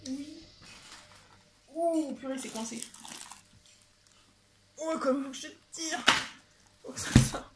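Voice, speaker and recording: A young woman chatting excitedly as she unboxes a craft kit at home, often stumbling and repeating words. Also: sits high, takes it slowly, pauses often, heavy background noise. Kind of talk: casual unboxing chat. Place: home with a washing machine running.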